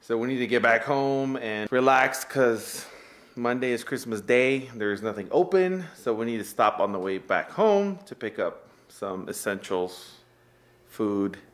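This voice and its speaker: A man vlogging with a loose, joking manner, talking straight to his viewers as burgers sizzle on a grill nearby. His pitch sits in the middle for a man, and his tone is easygoing and chatty. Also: expressive, measured pace, fairly bright tone. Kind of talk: casual vlog chat. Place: cabin deck and indoors by a fire, in the cold.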